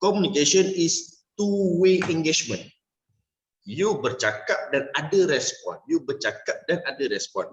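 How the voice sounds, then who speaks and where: A man with a Malaysian accent runs a sales leadership workshop, mixing Malay and English and checking in with the class after almost every point. He plays out little dialogues as examples. His fairly high voice rings around a reverberant room on a dull, lo-fi recording. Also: animated, unhurried. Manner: playful, acts out little dialogues. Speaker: business sales coach. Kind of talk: workshop lecture to a live class. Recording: echoey room, dull lo-fi sound.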